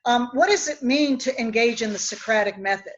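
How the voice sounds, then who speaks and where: A West Virginia woman who works as an executive coach speaks a little fast in a fairly high voice during a webinar discussion. She earnestly explains her points through anecdotes, and the webinar audio is dull and lo-fi.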